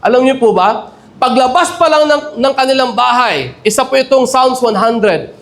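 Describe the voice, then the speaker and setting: High-voiced Filipino pastor preaching. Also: male voice, lively intonation, normal speed, a bit bright. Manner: preaching with call-and-response asides to the congregation. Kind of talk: sermon. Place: church.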